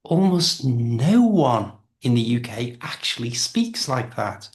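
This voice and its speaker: This Liverpool-born English conversation tutor has a mid-range voice and a Liverpool accent, and he talks slowly. In a relaxed chat he explains things with energy, slipping into accent impressions along the way.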